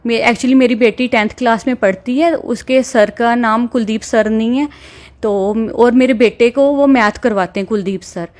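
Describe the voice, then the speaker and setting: A woman's voice: fairly high pitch, normal speed, darkish tone. A woman, a parent telling a reporter about a call she got, in a plain conversational way. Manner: plain conversational retelling, quotes dialogue. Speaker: interviewee, parent. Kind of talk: recounting an experience. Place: home, with light background noise.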